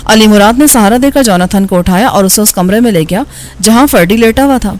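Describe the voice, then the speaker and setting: A woman narrating an action novel as an audiobook, in a steady storytelling voice. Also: medium pitch.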